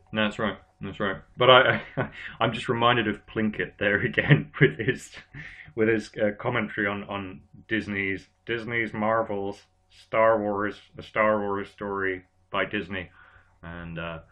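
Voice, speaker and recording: Over audio with the highs cut off, this podcast host speaks in a lowish, steady voice at a moderate pace. Half Irish and half English, from both Ireland and England, he chats animatedly on a casual panel, his English accent touched by an Irish lilt.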